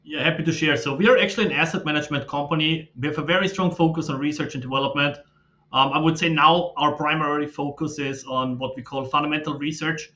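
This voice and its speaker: A man, a podcast guest who explains his background in a steady, filler-laden way. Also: on the high side, quick pace. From Austria. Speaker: guest, fund manager. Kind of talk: casual interview talk. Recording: slightly dull lo-fi audio.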